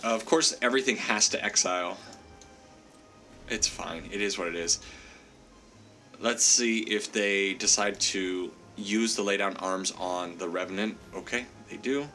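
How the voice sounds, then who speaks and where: Soft music plays behind a man whose fairly low voice is bright and forceful, delivered at a measured pace. Congested by a cold, he comments chattily on the card game he's in, reasoning aloud, laughing at himself, and apologizing to his opponent.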